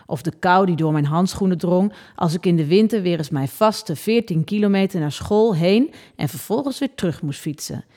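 Expressive woman reading aloud. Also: lowish voice, moderate pace. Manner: expressive storytelling. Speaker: presenter of a reading program. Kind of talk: scripted narration and book reading.

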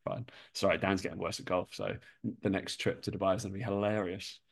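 A deep, creaky male voice talks fast with flat delivery. He's a podcast co-host in casual chat who swears freely, laughs a lot, and sounds slightly nasal because of a cold that's hung on.

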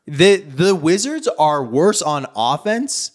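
A man co-hosting a sports podcast in a studio, joking around in a relaxed, casual way. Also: fairly high pitch, slow pace. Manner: joking, easygoing. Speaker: podcast co-host.

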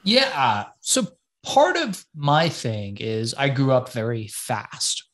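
A man's voice: mid-range voice, huge pitch swings, slow, fairly bright tone. Reflective man from Iran, casual guest. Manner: reflective, casual, swears now and then. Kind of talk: podcast interview.

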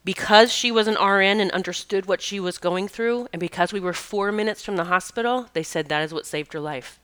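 A woman's voice: mid-range voice, fairly quick, a bit bright, clean tone. A woman hosting a show, telling a personal story in an earnest, emotional way, with restarts and laughs as she goes. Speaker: podcast host.

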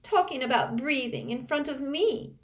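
A woman reading aloud and voicing a sulky, self-pitying teenage girl ghost, whiny and shrill. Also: lively intonation, normal speed. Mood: tearful. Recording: roomy echo.

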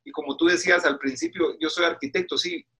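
A man's voice: a little high, fairly even intonation, brisk, pushed and bright, breathy edge. A middle-aged man from Guatemala, a pastor, talking earnestly as a podcast guest, preacherly and with many restarts. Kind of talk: casual interview talk.

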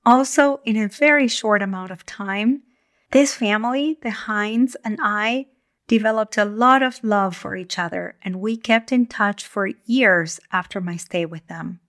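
A woman, hosting her podcast as a communication coach in a calm, measured, gentle way. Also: medium pitch. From Argentina. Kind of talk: scripted podcast monologue.

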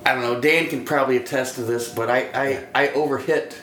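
A man co-hosting a casual podcast, joking and quick to cut in. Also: mid-range voice, fairly even intonation, a bit bright, soft background music. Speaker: podcast co-host. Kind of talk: casual chat. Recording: echoey room with faint noise.

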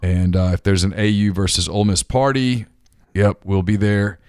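A man with a very low voice, bantering in a wry, easygoing way as a sports talk co-host. He reads listener questions aloud. The studio sound is dry and close. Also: fairly even intonation, normal speed, a little mellow, clear, resonant tone, no echo. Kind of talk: casual sports radio chat. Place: radio studio. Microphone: studio microphone.

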